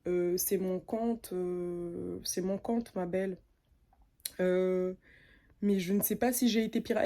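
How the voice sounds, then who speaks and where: A young woman from French Guiana telling an animated, indignant story in a casual rant. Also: mid-range voice. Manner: animated, indignant, mimics others' voices. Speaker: content creator.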